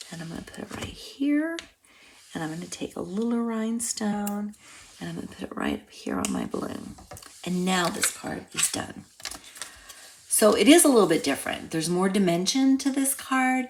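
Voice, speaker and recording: A woman teaching a casual card-making tutorial, chatty and thinking aloud as she works, sometimes dropping to soft near-whispers while she concentrates. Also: fairly low pitch, creaky, a little hiss or hum. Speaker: craft instructor.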